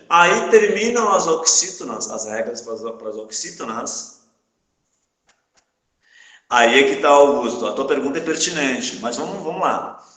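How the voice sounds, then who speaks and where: A man's voice: medium pitch, a bit bright. A man teaching a live class, who checks in with his students again and again. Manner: checks in often with the class, asking "tá?". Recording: echoey room.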